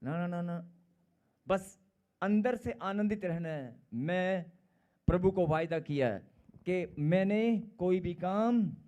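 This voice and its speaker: A middle-aged male preacher with a high-pitched voice delivers his sermon slowly and emphatically. He repeats short phrases again and again and swings between loud calls and quiet asides. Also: dull audio.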